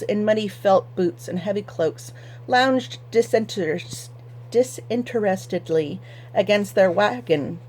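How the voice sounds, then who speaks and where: A woman reading a fantasy novel aloud for a fan book club in a measured storytelling manner. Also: medium pitch, darkish tone. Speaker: audiobook reader.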